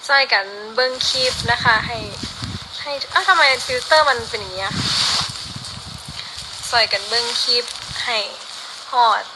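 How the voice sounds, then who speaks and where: A woman's voice: fairly high pitch, expressive, a little slow, long pauses. A woman from northeastern Thailand with an Isan accent, hosting a casual live stream and coaxing and teasing in a playful way. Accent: Isan Thai. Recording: noticeable background noise.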